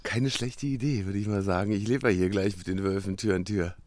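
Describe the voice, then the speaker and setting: A man's voice: fairly low pitch, steady tone, brisk, darkish tone, no room sound. A man speaking as a wolf expert guest, telling his story in a children's audio play.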